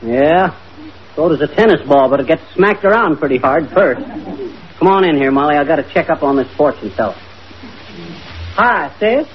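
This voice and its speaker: An actor playing a blustering, worried carnival manager and wisecracking husband, folksy and slangy, in vintage radio comedy. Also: male voice, on the high side, expressive, normal speed, long pauses, natural voice. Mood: worried, grumbling. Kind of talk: 1940s radio comedy acting. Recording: muffled, noisy old radio recording with audience.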